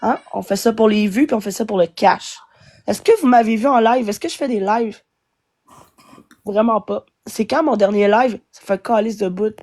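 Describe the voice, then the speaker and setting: A woman's voice: medium pitch, normal speed, a little mellow. A woman with a Québécois French accent ranting angrily as a guest on a live stream, swearing often. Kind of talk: angry live-stream rant.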